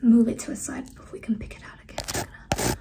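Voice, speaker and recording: A woman doing a whispered role-play in fast ASMR whispering, repeating short phrases rapidly in a soothing, reassuring way. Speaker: ASMR performer.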